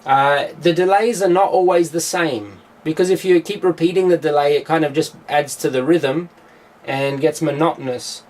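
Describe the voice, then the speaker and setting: A man's voice: a little high, moderate pace, darkish tone. Easygoing male producer explaining his mix. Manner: explanatory, with frequent filler sounds. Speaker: music producer. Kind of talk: studio tutorial. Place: home music studio.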